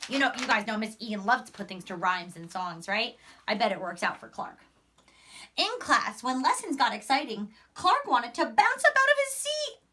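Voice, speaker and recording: Reading expressively to a group of children, this young adult primary school teacher adds chatty remarks along the way in her small indoor classroom. Her pitch is fairly high and swings widely, her tone is sharp, and her speed is normal.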